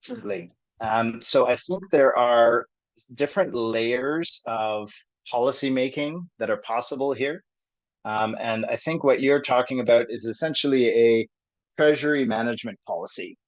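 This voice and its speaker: A man presents to a group call in a mid-pitched, hesitant voice, thinking aloud and pausing often. The audio is dull and lo-fi. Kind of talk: explaining a technical topic to a group call.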